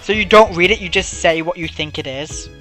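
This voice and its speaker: A man's voice: high voice, fairly quick, pushed and bright. A man hosting a let's play from his own room, chatting loosely and rambling through tangents. He swears casually, with faint game music underneath. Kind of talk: casual gameplay chat. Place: own bedroom.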